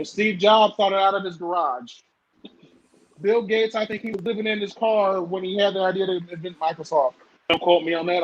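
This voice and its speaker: High-voiced man in his thirties. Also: muffled recording. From southern United States. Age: 30s. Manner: rambling, lots of fillers, laughs often. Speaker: guest. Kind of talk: casual podcast chat.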